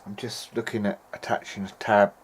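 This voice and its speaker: At normal speed, a lowish-voiced man narrates his radio repair work in an informal, hesitant way, reasoning things out aloud. Clear, steady background noise fills the recording.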